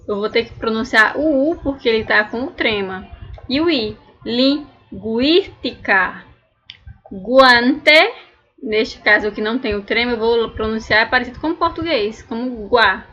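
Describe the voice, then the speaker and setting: A woman's voice: on the high side, a bit bright, lo-fi sound. A woman teaching a recorded language lesson, patiently explaining and drilling words one at a time. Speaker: Spanish teacher.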